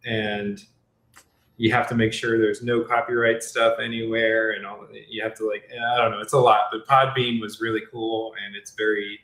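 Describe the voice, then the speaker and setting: A man's voice: fairly low pitch, little pitch movement, normal speed, a bit bright. Man with a cave-like echo. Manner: easygoing, explains things plainly with light laughs. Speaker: podcast co-host. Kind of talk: casual chat on a group call. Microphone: poor remote call mic. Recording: cave-like echo from a roomy space.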